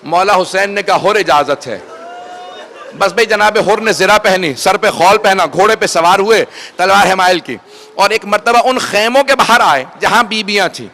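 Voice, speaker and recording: A man's voice: high-pitched, bright, forceful tone, slight background noise. A male preacher reciting an emotional mourning sermon, impassioned and urging his listeners to weep.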